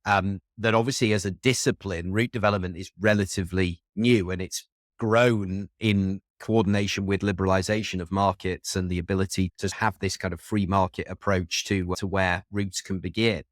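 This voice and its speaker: A man's voice: sits low, steady tone, normal speed, no room sound, studio quality. A man hosting a podcast interview, welcoming and upbeat as he introduces his guests. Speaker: podcast host.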